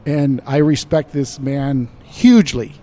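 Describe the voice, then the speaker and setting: A middle-aged man, a studio guest, chatting casually and rambling through a story, his voice trailing off softly. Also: mid-range voice, lively intonation, unhurried. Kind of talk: casual chat. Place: indoor shop space.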